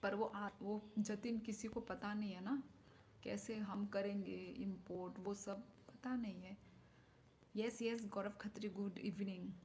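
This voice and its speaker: A woman hosting a casual livestream and answering viewers' comments as they come. She talks at an unhurried pace into her phone's mic, musing aloud and now and then sinking into a soft whisper. A faint hiss sits under her voice. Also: medium pitch, fairly even intonation. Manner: chatty, thinks aloud, drops into soft whispered asides. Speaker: live streamer. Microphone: phone microphone.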